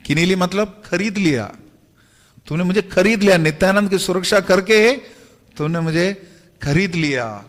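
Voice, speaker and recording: A man's voice: high voice, unhurried. A man giving a devotional story sermon in a temple hall, retelling tales and chanting verses between his explanations. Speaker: religious storyteller. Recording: echoey hall.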